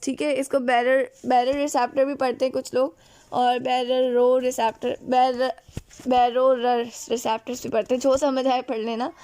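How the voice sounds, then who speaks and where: A woman, teaching a recorded biology lecture. She works through diagrams step by step, asks questions and answers them herself, and fills her pauses with "theek hai" and "achha bhai". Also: high-pitched, a little mellow.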